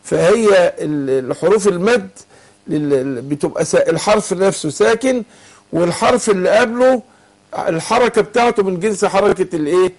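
A man's voice: high-pitched, expressive, fairly quick, darkish tone. A man with an Egyptian Arabic accent teaching tajweed on a call-in lesson, patiently asking his student to fill in the words. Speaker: Quran recitation teacher.

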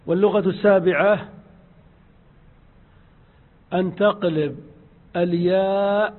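Male grammar teacher, slightly high voice, patient and repetitive delivery, tinny phone-like sound. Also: fairly even intonation. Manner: slow, drawn-out repetition of examples. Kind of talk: grammar lesson.

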